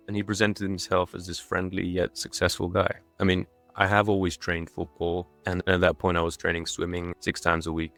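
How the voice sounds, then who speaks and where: With a deep, fairly bright voice, a man in his twenties who makes videos narrates a scripted personal story with gentle, tongue-in-cheek self-mockery. He was born and raised in Dubai in a Croatian family and moved to England as a child.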